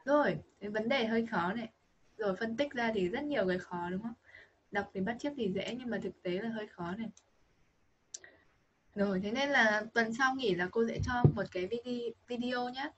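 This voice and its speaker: A woman's voice: fairly high pitch, moderate pace, lo-fi sound, slight background noise. A woman with a Vietnamese accent teaching English pronunciation to a child, patient and coaching, modelling sounds over and over. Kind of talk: online pronunciation lesson for a child.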